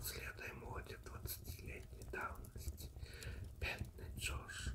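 A reader softly telling a story in a soothing, breathy, unvoiced ASMR whisper, slow and gentle. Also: distant mic. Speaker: audiobook reader and channel host.

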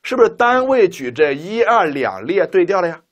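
A man's voice: high voice, sing-song, moderate pace. A man teaching a linear algebra lecture, walking students through each step with rhetorical questions. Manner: keeps asking rhetorical questions, talks students through steps. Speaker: math teacher.

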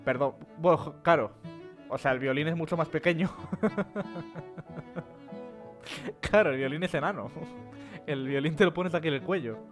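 A man from narrates his gameplay in a loose, sarcastic way, with plenty of swearing. His voice sits a little high. Faint music plays behind him. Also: a little slow, pauses often. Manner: joking, sarcastic, swears freely, narrates and mocks on-screen characters. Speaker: streamer. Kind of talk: casual gameplay commentary.

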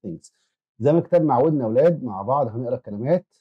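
A man's voice: mid-range voice, lively intonation, husky, phone-quality sound. A man with an Egyptian Arabic accent teaching an English lesson to children, who repeats words for them to echo and quizzes them as he goes. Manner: quick, repeats words for pupils to echo and asks them questions. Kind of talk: classroom lesson explanation.

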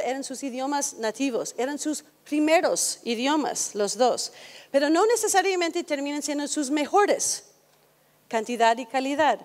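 A high-pitched woman lectures in a relaxed, conversational way and keeps turning questions back to her audience. Her voice carries a long reverb, as if recorded in a large hall. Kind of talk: educational talk to an audience.

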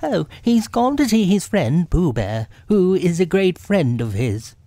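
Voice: medium pitch, sing-song, measured pace, dark tone, dry recording, pitched above the performer's own voice. A storyteller voicing an evasive, fussy male rabbit from a children's storybook, curt and prim in manner. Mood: cagey.

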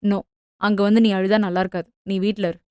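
Woman voicing a gentle young army husband. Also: little pitch movement, brisk, smooth, no room sound, natural voice. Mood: teasing. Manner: soft, low and gentle, teasing at times. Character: man, young army officer husband, tender but firm.

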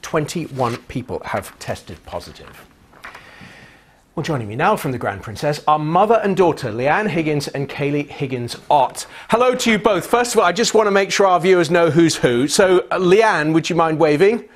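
Husky-voiced male TV news presenter. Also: fairly high pitch, lively intonation. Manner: brisk, polite questioning. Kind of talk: live TV news interview. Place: TV news studio.

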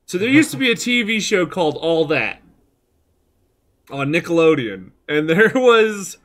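A man's voice: fairly high pitch, very animated, a little slow, a bit bright. A man in his thirties hosting a let's play, joking crudely and rambling as he plays. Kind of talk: casual gameplay chat.

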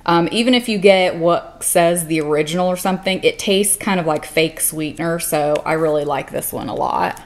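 A woman's voice: on the low side, moderate pace, few pauses. A woman chatting casually as she shows off groceries in her kitchen, with frequent ums. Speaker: vlogger showing a grocery haul. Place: home kitchen counter.

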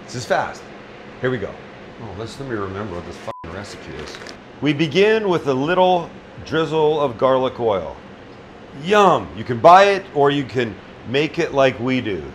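Here the same chef and cooking show host has a sing-song, medium-pitched voice at normal speed, with a slight hiss or hum in the audio. He's middle-aged, running a relaxed demo in a small restaurant kitchen, cracking blunt jokes and cursing without restraint.

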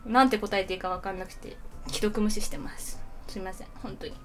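A woman in her twenties, a streamer telling a story in casual chat, animated and often laughing. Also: medium pitch, fast talker, soft background music.

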